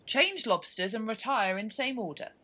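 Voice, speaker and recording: A woman voicing a brash, excitable gryphon in a storybook, emphatic and quick to interrupt and exclaim. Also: on the high side, pitched above the performer's own voice. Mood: wildly excited. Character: brash, bossy, excitable male gryphon, a mythical beast.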